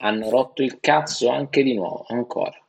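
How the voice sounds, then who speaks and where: A man with a mid-pitched voice co-hosts a casual comedy podcast. He is blunt and provocative, swearing freely as he chats. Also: moderate pace, gravelly, breathy edge, rough recording. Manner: blunt, foul-mouthed, provocative. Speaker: podcast co-host.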